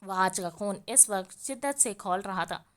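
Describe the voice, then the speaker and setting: A woman reading a romance novel aloud with expressive storytelling. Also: medium pitch, moderate pace. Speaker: audiobook narrator.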